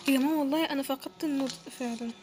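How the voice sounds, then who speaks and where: An Egyptian woman with a high voice rattles off quick, jumpy gaming commentary. She exclaims often and talks straight to her viewers. Loud game music plays behind her. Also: fairly even intonation. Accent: Egyptian Arabic. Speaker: gamer, channel host. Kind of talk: let's-play gaming commentary.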